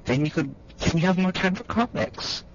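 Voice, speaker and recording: A man's voice: high-pitched, lively intonation, normal speed. A man co-hosting a casual chat over an online call, with dry, defensive ribbing. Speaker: podcast co-host. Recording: muffled lo-fi call with faint hum.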